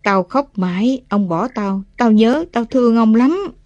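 A man's voice: extremely high pitch, lively intonation, a little slow, darkish tone, no room sound, dull audio, voice pushed up. A man voicing a poor, sorrowful old village woman in an audiobook, speaking plaintively. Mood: tearful.

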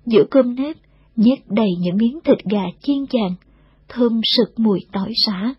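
Brief: woman storyteller, very breathy, dry lo-fi recording. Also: on the high side, no echo. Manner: steady, unhurried storytelling, voices every character. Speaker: narrator. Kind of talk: scripted story narration.

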